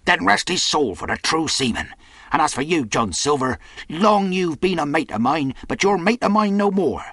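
A brave honest sailor, as a male narrator puts him on, his voice hoarse and shaking and pitched well above the reader's own. He speaks earnestly in plain seaman's grammar. The sound is dry and close. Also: lively intonation, a little slow, no room sound, heavily acted. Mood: defiant. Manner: earnest, pleading then defiant.

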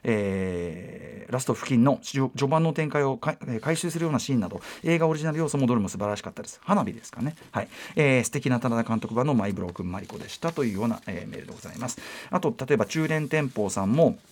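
A man hosting a radio film-review show, reading listener emails and adding his own rambling asides with many fillers. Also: mid-range voice. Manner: rapid, lively delivery with many fillers and asides.

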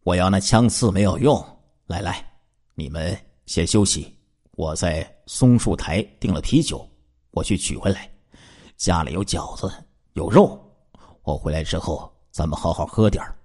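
A man's voice: sits low, normal speed, a little mellow, breathy edge. A man voicing a shrewd adult male village militiaman in a spoken true-crime story, friendly on the surface but probing. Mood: coaxing.

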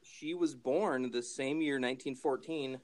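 Deadpan man, dry wry delivery. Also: medium pitch, unhurried, dry recording. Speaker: podcast co-host. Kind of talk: casual comedic chat.

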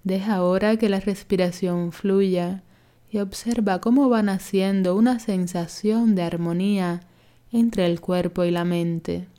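With a clean tone and medium pitch, a female yoga instructor unhurriedly leads a guided relaxation meditation, giving calm, soothing, gentle instructions.

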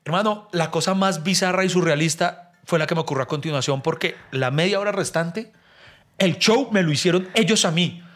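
A Colombian man, a comedian, telling a story in an animated, slangy way and slipping into put-on voices. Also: fairly high pitch, brisk, soft background music. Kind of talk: comic storytelling.

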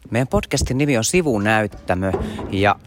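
A man's voice: fairly low pitch, lively intonation, music in the background. A man hosting a podcast, giving a chatty walking tour and guiding listeners from space to space. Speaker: podcast host.

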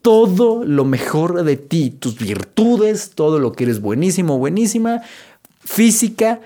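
Earnest Spanish-speaking man with fairly high voice. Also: big pitch swings, dark tone. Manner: earnest, emphatic, drawn-out pauses on key words. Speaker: podcast host. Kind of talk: motivational self-help monologue.

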